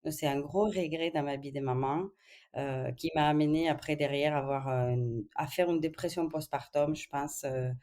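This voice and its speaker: A woman from Spain with a low voice talks as a guest on a podcast. She speaks in a thoughtful, hesitant way, pausing often with fillers, in a relaxed interview setting. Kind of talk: casual interview.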